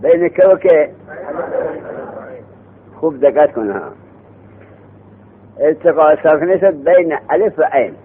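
A man teaching a lesson on grammar who quizzes his students and answers his own questions. He slows down to read the text aloud, then speeds up to explain it. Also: on the high side. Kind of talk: Arabic morphology lesson. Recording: tinny phone-like sound.

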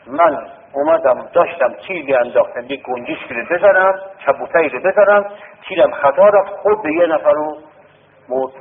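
In a lesson on Arabic word roots, a man with a fairly high voice keeps repeating words and firing questions at his students over and over. It's captured as a tinny, lo-fi classroom recording with a long reverb tail.

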